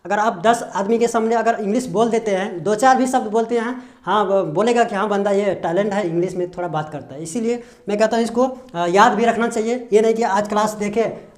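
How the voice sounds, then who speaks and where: High-voiced hesitant male tutor. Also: darkish tone. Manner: hesitant, many drawn-out filler sounds, repeats himself. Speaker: English pronunciation teacher. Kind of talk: explaining a lesson in Hindi.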